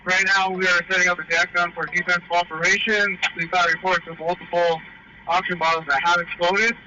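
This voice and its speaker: A male fire officer delivers an emergency radio report in a loud, projected, high-set voice. The transmission is dull and band-limited, with clear noise around it. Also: little pitch movement, fairly quick.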